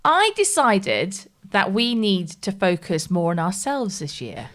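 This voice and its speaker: Woman, podcast co-host, chatty and teasing, very lively pitch, studio. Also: unhurried. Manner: chatty, laughs often, teasing. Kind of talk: casual chat.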